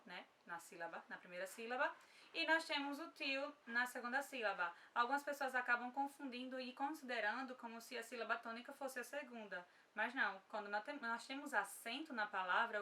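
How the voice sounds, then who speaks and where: Bright-voiced Brazilian teacher woman. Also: a little high, distant mic. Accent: Brazilian Portuguese. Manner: patient, checks in often with "tá?". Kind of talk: online grammar lesson.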